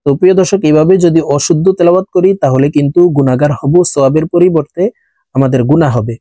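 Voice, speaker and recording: A man teaching Quran recitation, spelling out letters and vowel marks one by one, then chanting the words slowly, with brisk explanations in between. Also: on the high side, dark tone, no echo. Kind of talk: slow spelled-out recitation lesson.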